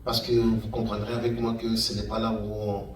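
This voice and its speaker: A guest speaker from Kananga in the Democratic Republic of the Congo, an engineer and entrepreneur, gives an informal public talk about his career path. He has a low voice and speaks at a moderate pace with a completely flat delivery. The recording is from a distant mic in an echoey room, with faint noise.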